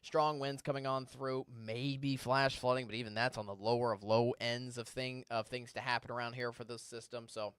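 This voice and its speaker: A man giving a TV weather forecast in a conversational, energetic way, stressing key words. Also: mid-range voice, moderate pace, hardly any pauses, smooth, no echo, clean studio sound. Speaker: TV meteorologist. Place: TV studio.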